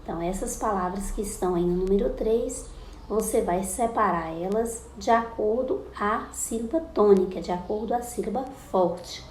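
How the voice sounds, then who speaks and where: A woman's voice: mid-range voice, normal speed, a little mellow. A woman teacher, giving a patient lesson and stretching out example words. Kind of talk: recorded school lesson. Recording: echoey room with faint background noise.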